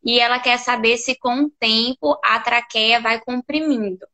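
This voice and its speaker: A woman's voice: fairly high pitch, steady tone, a little slow, bright, forceful tone. A woman from Brazil moderating a question session, relaying audience questions with brief, polite prompts. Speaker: interviewer reading audience questions. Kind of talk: moderating a live Q&A.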